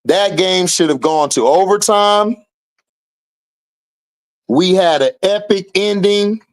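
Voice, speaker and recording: A man in his thirties speaks slowly in a high-pitched voice as he hosts an online sports and commentary stream. Reacting to chat, he offers casual, opinionated commentary, blunt and heated, swearing freely and growing loud when riled.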